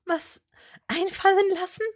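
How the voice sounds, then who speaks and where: Reading a fan story, a woman voices a desperate young witch held captive who stubbornly presses and pleads, in an urgent, challenging mood. She pitches her voice high, above her natural register, with lively intonation and a slightly slow pace.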